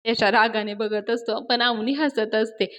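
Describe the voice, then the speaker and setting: A woman's voice: on the high side, fairly even intonation, measured pace, a bit bright. A woman reviewing a TV serial, retelling the episode in a chatty style and speaking to her viewers. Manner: chatty storytelling, addresses viewers directly.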